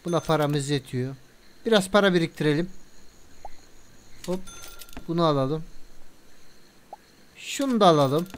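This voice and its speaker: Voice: medium pitch, animated, unhurried, long pauses. A game video creator giving casual let's-play commentary in a playful way, chatting to viewers and scolding the game characters.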